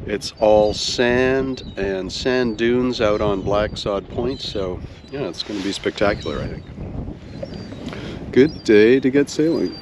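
A man from Canada narrating a sailing vlog outdoors on a boat, relaxed and chatty with many fillers. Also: fairly low pitch, slow pace, background noise. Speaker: sailing vlogger. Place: outdoors on a sailboat. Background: music.

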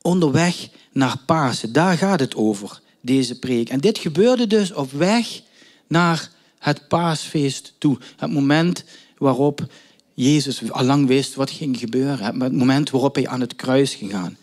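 A man's voice: medium pitch, a little slow, a little mellow. A male preacher telling a story in a sermon, with emphatic questions and thoughtful hesitations.

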